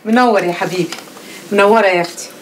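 A woman's voice: medium pitch, fast talker, noisy background, lightly acted. An actress with an Egyptian accent playing a motherly woman who scolds and coaxes with affection, in a film drama. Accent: Egyptian Arabic. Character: coaxing motherly woman, scolding but tender.

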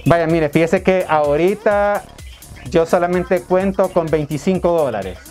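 A man's voice: fairly high pitch, expressive, measured pace, a little mellow, faint music behind. A man with a Salvadoran accent talking politely and a little hesitantly as a customer in a phone conversation. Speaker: caller, prospective customer. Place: indoors, small room. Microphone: lapel mic.

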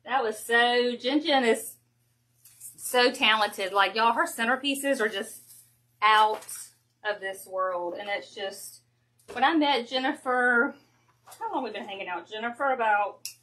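Her voice is a little high, expressive, bright, and forceful as she hosts a laid-back wreath-making livestream on her phone from home. She has a Southern Georgia accent, gushes and chats a lot, and laughs readily.

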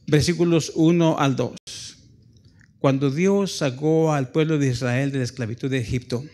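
A pastor preaching a church sermon, calling the listeners brothers and drawing out key phrases slowly before swelling to loud peaks. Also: male voice, fairly high pitch. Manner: preaching with sudden loud rises and slowed, drawn-out phrases; calls listeners "hermanos" and asks for amen.

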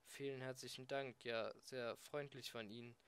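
A man's voice: medium pitch, fairly even intonation, normal speed, fairly bright tone, clean tone, close to an everyday voice. A man voicing a flustered, fussy middle-aged council official who answers in bewildered, hesitant bits.

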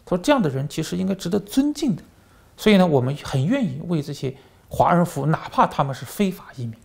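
A man's voice: fairly high pitch, big pitch swings, fast, vocal fry, a little mellow. A man hosting a commentary channel, telling stories animatedly with lots of fillers and repeated words. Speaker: channel host and former journalist. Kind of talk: political commentary monologue.

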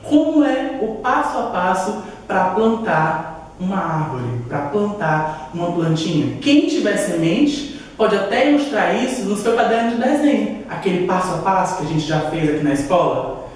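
Expressive woman telling stories to children. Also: medium pitch, normal speed. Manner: expressive, addresses children directly. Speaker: teacher. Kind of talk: storytelling for young children. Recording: echoey room, far from mic, faint music.

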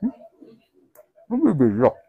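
Man, middle-aged dad, lively up-and-down intonation, casual gaming chat, full of questions. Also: mid-range voice, a little slow, vocal fry, breathy edge, dry recording. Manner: keeps asking questions, coaxing and guiding. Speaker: father playing alongside his child.

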